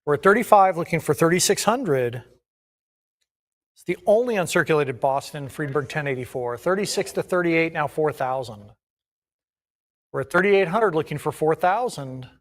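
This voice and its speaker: A man's voice: on the high side, animated, normal speed. A man working as an auctioneer, calling bids in a repetitive chant of numbers and increments.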